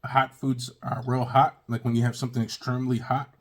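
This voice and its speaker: A man with a husky voice hosting a casual taste-test review, exclaiming often and talking straight to his viewers. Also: medium pitch, level tone, brisk. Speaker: video host.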